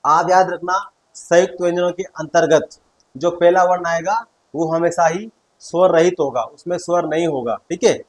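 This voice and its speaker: A man's voice: on the high side, normal speed, rough recording. A male teacher explaining Hindi consonants, saying each sound aloud several times and checking in with students as he goes. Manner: explains patiently, repeats sounds aloud, keeps checking in with "theek hai". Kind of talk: Hindi grammar lesson.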